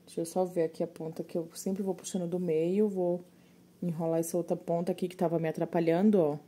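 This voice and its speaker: A woman's voice: on the low side, level tone, a little fast, dark tone, slightly rough. A woman teaching crochet step by step, patiently counting stitches aloud and a little short of breath.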